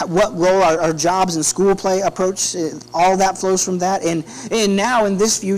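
Over poor audio and a steady electrical hum, a man's voice on the high side delivers a sermon indoors at a church pulpit. He is in his thirties and preaches earnestly and conversationally, frequently restarting his phrases.

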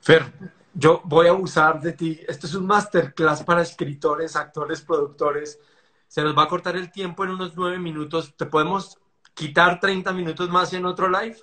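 Male host, 40s, fairly high, bright and forceful voice, eager interviewer on a phone live stream. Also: steady tone, moderate pace. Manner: eager, agreeable, with short affirmations. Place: indoor room at home. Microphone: phone camera on a video call.

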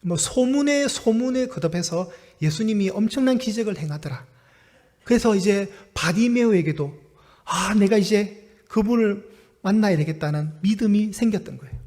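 A man preaching a sermon with a notably high voice, pushing his volume to carry across the congregation. He narrates with lively animation and acts out the cries in the story. His words linger in the long reverb of a church hall. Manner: projects his voice loudly to reach the room. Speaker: pastor. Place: church sanctuary.

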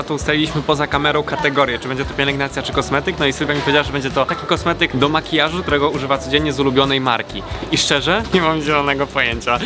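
A young man hosting a casual vlog while walking through shopping mall stores, chatting playfully and laughing often. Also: mid-range voice. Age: young adult. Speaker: vlogger host. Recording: background music.

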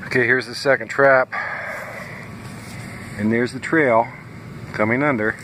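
A man's voice: medium pitch, unhurried. A man who works as a nuisance wildlife trapper, casually walking viewers through his trap sets outdoors on a farm and talking to them directly in a plain-spoken, folksy way. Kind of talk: casual outdoor video walkthrough. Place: outdoors on a farm field by a fence line. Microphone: handheld phone camera. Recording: phone recording outdoors with steady background noise.

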